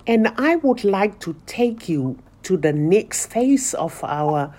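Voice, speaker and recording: A woman gives a language lesson. She speaks extremely slowly in a mellow, mid-pitched voice, breaking her teaching into short, measured phrases. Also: big pitch swings.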